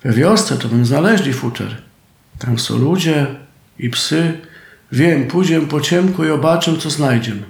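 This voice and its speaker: A man's voice: fairly high pitch, measured pace, gravelly, reverberant. A man voicing a sly, scheming male fox in a folk tale, with a Silesian accent.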